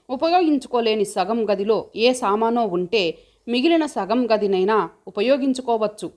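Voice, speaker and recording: A woman reading a magazine short story aloud as an audiobook narrator, in a calm, measured storytelling voice. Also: medium pitch.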